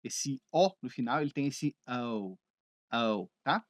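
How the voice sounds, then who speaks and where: A man teaching English phrases in Portuguese, chatty and lively, asking himself questions and answering them. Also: medium pitch, slow, no room sound.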